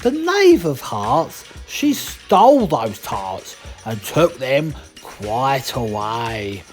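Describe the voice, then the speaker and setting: A woman voicing a storybook rabbit herald, reciting in a drawn-out, declamatory way. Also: a bass voice, very animated, faint music behind, pitched below the performer's own voice, heavily acted. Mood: declaiming. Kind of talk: storybook character reading.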